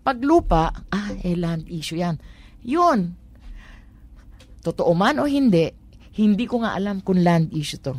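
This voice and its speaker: A woman's voice: medium pitch, very animated, measured pace, long pauses, a little mellow. A woman with a Manila Tagalog accent explains conversationally on a talk program, posing rhetorical questions and switching between Tagalog and English. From Manila, Philippines.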